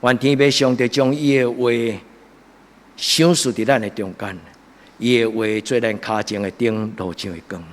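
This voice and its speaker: A man's voice: medium pitch, steady tone, moderate pace. Taiwanese hokkien accent guy preaching a sermon, earnest pastor type, big echoey hall. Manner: earnest, exhorting, swelling into loud emphatic passages. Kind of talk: church sermon. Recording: echoey hall with long reverb.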